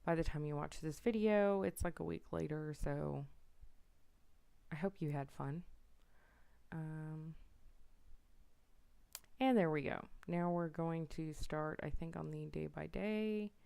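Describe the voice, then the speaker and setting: Low, gravelly woman narrating. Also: slow pace, pauses often, dark tone. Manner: apologetic, self-deprecating, chatty. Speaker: planner vlogger. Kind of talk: casual voiceover narration. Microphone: voiceover mic.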